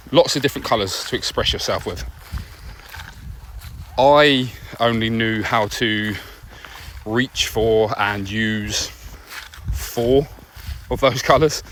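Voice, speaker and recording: Out walking his dog, a male podcast host delivers an earnest, reflective personal monologue in short, conversational phrases separated by pauses. His voice sits at medium pitch with a fairly bright tone, and the outdoor recording is noisy with nature ambience.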